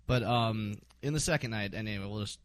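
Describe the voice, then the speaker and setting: A man's voice: lowish voice, brisk. A man hosting a casual sports podcast, recapping games with frequent ums and hesitations. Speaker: podcast host.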